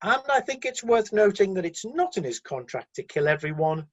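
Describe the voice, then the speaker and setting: A celestial middle manager, voiced by an actor in a satirical radio play, breezily justifies the staff in corporate terms, husky, defensive and a bit flustered. The medium-pitched voice moves at normal speed with lively swings in intonation, and the recording sounds slightly dull.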